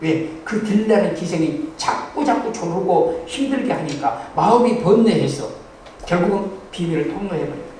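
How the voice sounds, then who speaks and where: A man preaches in a high, swooping voice, cracking jokes and breaking into sudden shouts. He is caught from across a big, very echoey church hall, with a faint hum underneath. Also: normal speed, distant mic. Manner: animated, joking, bursts into shouting. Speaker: pastor. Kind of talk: sermon. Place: church sanctuary.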